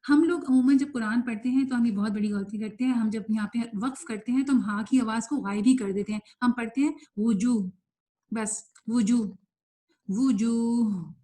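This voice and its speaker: A woman teaching Quran recitation in an online class, explaining quickly and mixing in English words, then reciting words slowly and stretched out. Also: a little high, dark tone. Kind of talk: online tajweed lesson, live class.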